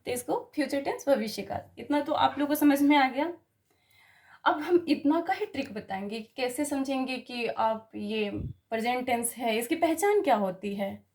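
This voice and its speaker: Woman teacher, high voice, patient explaining, spells out words. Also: expressive, normal speed, a little mellow. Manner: explains patiently, keeps asking "ठीक है?". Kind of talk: Hindi grammar lesson.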